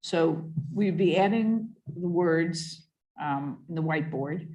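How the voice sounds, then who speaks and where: A woman chairing a commission meeting, steering the discussion and reading proposed wording out slowly and carefully. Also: lowish voice, darkish tone, rough recording. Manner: methodical, reads wording out slowly. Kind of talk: leading a public meeting. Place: meeting room.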